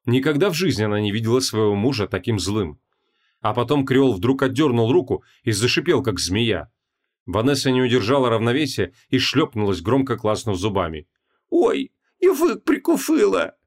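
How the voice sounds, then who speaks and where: A man reading a fantasy audiobook with a dramatic, expressive delivery. His pitch sits in a middle range but moves lively and animated through the lines. The narration is scripted and steadily told. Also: brisk.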